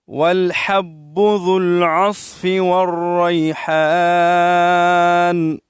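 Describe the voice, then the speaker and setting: A man's voice: a little high, clear, resonant tone, dry recording, clean studio sound. A man with a Pakistani Urdu accent teaching tajweed, patiently explaining each letter and asking if his pupils understand. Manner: patient explanation, asks pupils if they understood, slows down to chant verses. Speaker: Quran recitation teacher. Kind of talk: tajweed lesson, explaining then reciting.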